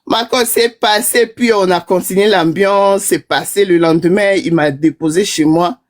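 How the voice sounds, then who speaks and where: A woman's voice: lowish voice, moderate pace. A woman, calling in to a live stream and telling her story in a chatty way, laughing often. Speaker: caller. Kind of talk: call-in confession on a live stream.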